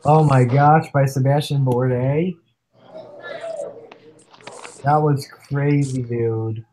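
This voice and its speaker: A man's voice: mid-range voice, steady tone, slow, mellow, a little hiss or hum, low-quality recording. Male host with a cold, loose and chatty, reading race results off a rundown. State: sick, coughing. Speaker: podcast host. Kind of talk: casual sim-racing recap chat.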